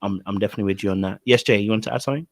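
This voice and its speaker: A young Ghanaian man hosts a casual podcast about a reality dating show. His voice is lowish and very fast, and he's chatty, laid-back, and quick to laugh.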